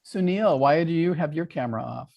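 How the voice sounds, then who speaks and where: A man's voice: on the high side, brisk, vocal fry, muffled recording. American guy chatting on a video call, laid back, asks lots of questions. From United States. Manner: relaxed, friendly, asks questions patiently. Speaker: host of an online English conversation class. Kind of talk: casual video-call chat.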